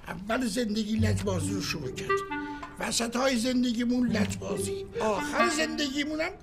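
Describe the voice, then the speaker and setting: A man's voice: very high-pitched, vocal fry, over loud music. An actor playing an older man, a hotel guest who complains emphatically about his stubborn wife. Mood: exasperated.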